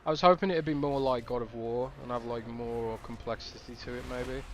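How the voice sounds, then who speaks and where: A man's voice: mid-range voice, steady tone, fairly quick, a little hiss or hum. A man streaming a game, chatting casually and thinking aloud with restarts. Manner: rambling, thinking aloud with fillers.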